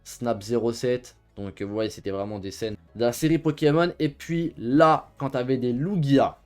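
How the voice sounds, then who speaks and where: A man's voice: medium pitch, moderate pace, darkish tone. A young man hosting a casual show-and-tell video, chatty and enthusiastic with lots of slang. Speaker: YouTuber. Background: faint background music.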